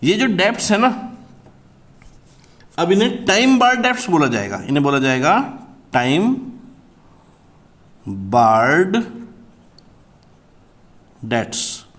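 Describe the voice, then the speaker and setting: A man teaching a commerce law class, explaining step by step and slowly repeating key terms, with terms. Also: sits high, big pitch swings, fairly bright tone.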